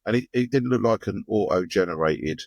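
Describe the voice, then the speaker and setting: A man's voice: fairly low pitch, animated, fairly quick, gravelly, darkish tone, no echo. A man with an Essex accent co-hosting a casual podcast, chatty and full of conversational tag questions. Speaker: podcast co-host. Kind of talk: casual chat.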